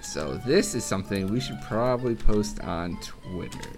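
A man running a tabletop game as game master, narrating scenes in a lively, playful way. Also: on the low side, moderate pace, faint music behind.

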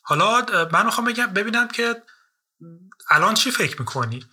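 A man with a very bright, forceful voice, pitched a little high, interviews a musician in a relaxed, casual way. He stops often to hunt for words, restarting his phrases and filling the gaps with hesitation sounds. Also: husky. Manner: searching for words with many fillers and restarts.

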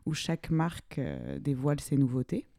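A woman's voice: rumbling low, big pitch swings, moderate pace, creaky, mellow, no room sound, clean studio sound. A woman co-hosting an interview, guiding the talk and explaining things for the listeners. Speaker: podcast co-host. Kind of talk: casual interview chat.

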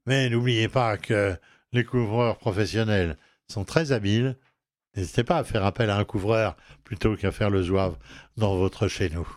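A man's voice: on the low side, normal speed, dry recording, clean studio sound. A man with a regional French accent hosting a home advice talk show, hesitant with many fillers and restarts. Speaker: radio show host.

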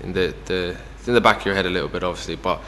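A man's voice: sits low, racing, bright, forceful tone, in a large hall, slight background noise. A young Irish man talking casually as the guest in an interview, full of fillers like "you know". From Ireland. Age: young adult. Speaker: footballer guest.

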